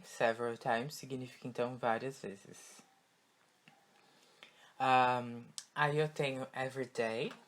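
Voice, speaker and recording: A man with a Brazilian Portuguese accent, a native Portuguese speaker, teaching an online English class and drilling words slowly, checking in with "tá?" after each point. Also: mid-range voice, a bit bright. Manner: slow, repetitive drilling with frequent "tá?" checks.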